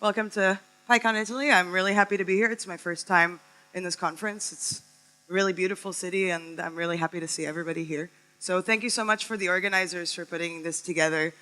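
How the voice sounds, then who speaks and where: Woman, conference speaker, bright tone, upbeat and chatty, stage mic. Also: lowish voice, steady tone, quick pace, poor audio. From California. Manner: chatty, upbeat, many ums. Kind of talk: conference talk.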